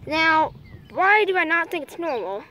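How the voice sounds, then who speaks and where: A woman's voice: very high voice, big pitch swings, unhurried, bright, forceful tone, slight background noise. A young woman rambling and hesitating as she films outdoors on a handheld phone. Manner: rambling, hesitant, full of "like" and "I mean". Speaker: nature vlogger. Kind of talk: casual outdoor vlog. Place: outdoors in a backyard. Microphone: handheld phone camera. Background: birds chirping faintly.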